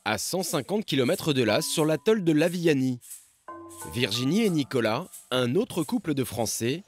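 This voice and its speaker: A man narrating a television documentary report in a measured, scripted voice-over. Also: on the high side, big pitch swings. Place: studio voice-over. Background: music.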